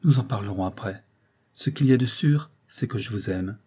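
A man playing a calm, commanding young man declaring his love in earnest, authoritative tones. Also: fairly low pitch, moderate pace, breathy edge.

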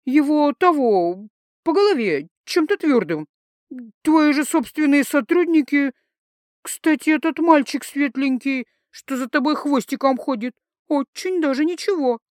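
A woman voicing a tipsy, bold young woman who teases loudly and slurs her words. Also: expressive, unhurried, no echo, studio quality. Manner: slurred, giggly, high-pitched chatter.

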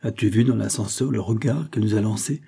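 A man's voice: fairly low pitch, quick pace, gravelly, mellow, slightly rough. A man reading the lines of a shrewd, grave middle-aged detective chief who reasons with insistence. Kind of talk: scripted narration.

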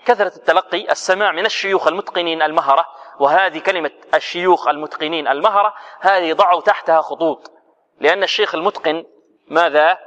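Questioning tajweed teacher in a reverberant hall. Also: male voice, a little high, fairly bright tone. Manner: quizzing students, then answering and demonstrating sounds. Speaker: Quran recitation teacher. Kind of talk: tajweed lesson to students. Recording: muffled lo-fi recording with long hall reverb.

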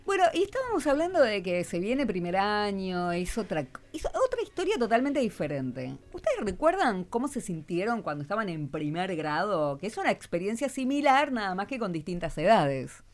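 A woman from Argentina, with a Rioplatense accent, interviews schoolchildren on the radio in a relaxed, teacherly way, repeatedly prompting them with questions. Her medium-pitched voice is sing-song, and she speaks at a normal speed with few pauses.

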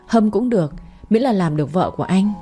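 A woman's voice: mid-range voice, expressive, a little fast, warm tone, faint music behind, natural voice. Woman doing a chatty, pleading village girl. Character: pushy cheerful young village woman.

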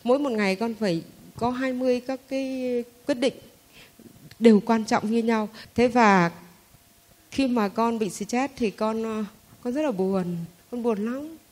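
A middle-aged woman tells her own spiritual story in a fairly high voice. She speaks in a heartfelt, conversational way and often pauses on small fillers before going on. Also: darkish tone. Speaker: Buddhist lay follower. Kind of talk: personal spiritual testimony.

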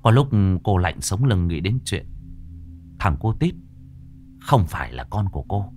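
A man narrating a ghost story in a slow, somber way. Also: low-pitched, very animated, a little mellow. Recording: faint music behind the voice.

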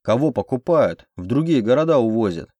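A man's voice: medium pitch, animated, a little fast, mellow, dry recording, natural voice. A man playing a big, dim-witted male thug who speaks bluntly and lazily.

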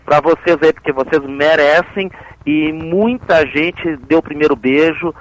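Male radio host, hesitant filler-heavy delivery, playful; voice sits slightly high. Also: unhurried, rough recording. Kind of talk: radio interview.

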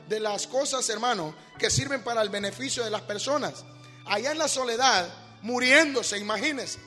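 A male preacher giving a sermon, calling listeners brother and rising to shouts. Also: very high voice. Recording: long hall reverb with faint music.

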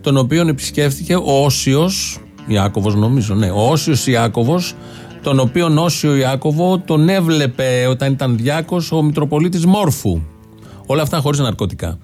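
A man's voice: mid-range voice, expressive, a little mellow. A male host delivers sardonic commentary, mocking his subjects with dry irony. Faint music sits under his voice. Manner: mocking, ironic asides. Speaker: satirical show host. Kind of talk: sarcastic commentary.

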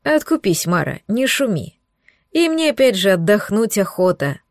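A woman voicing a lazy, melancholic male sea turtle who talks in a slow, weary drawl. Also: medium pitch, big pitch swings, dry recording, studio quality.

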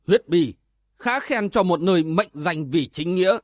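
A man reading aloud as a resigned, sorrowful middle-aged scholar who speaks softly. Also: high-pitched, animated, measured pace, dry recording, clean studio sound. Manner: sorrowful, soft-spoken.

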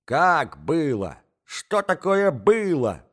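A man's voice: on the low side, sing-song, moderate pace. A man reading an audiobook, voicing a domineering provincial lady who scolds and shrieks in fury. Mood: shrill.

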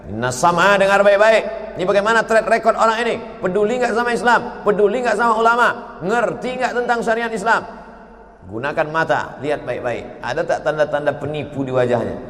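A man's voice: high-pitched, brisk, fairly bright tone. Preaching man in an echoing hall. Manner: rhetorical questions, acts out dialogue, chants Arabic verses. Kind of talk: sermon with audience questions. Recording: roomy hall reverb.

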